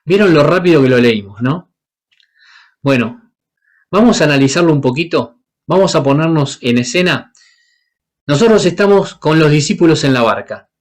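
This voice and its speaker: A man's voice: fairly high pitch, expressive, normal speed. Paraguayan guy preaching, keeps asking the crowd questions, acts out the story. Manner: asks the congregation questions, voices the Bible characters. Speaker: guest preacher. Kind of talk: sermon.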